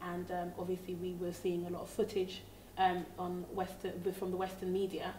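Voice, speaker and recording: Low, even-toned woman in a roomy space. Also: moderate pace, a little hiss or hum. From Democratic Republic of Congo. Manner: thoughtful, searching for words. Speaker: singer-songwriter. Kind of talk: reflective interview talk. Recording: roomy, slightly distant mic.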